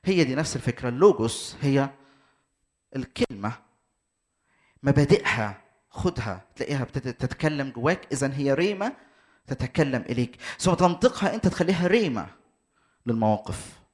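A man's voice: mid-range voice, sing-song, fairly quick, pauses often. A man with an Egyptian Arabic accent preaching a teaching sermon, explaining step by step and restating his points to be precise.

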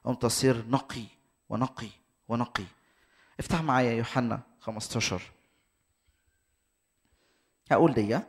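Fast-talking Egyptian preacher man. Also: mid-range voice. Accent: Egyptian Arabic. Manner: explains step by step, restates points to be precise. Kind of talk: sermon teaching from scripture.

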